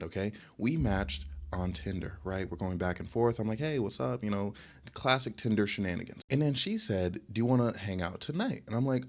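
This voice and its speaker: A young man telling a casual storytime monologue, chatty and loose, tagging nearly every sentence with "okay?" and filling gaps with "like". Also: on the low side. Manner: chatty, repeats "okay?" and "like" constantly. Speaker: storyteller vlogger.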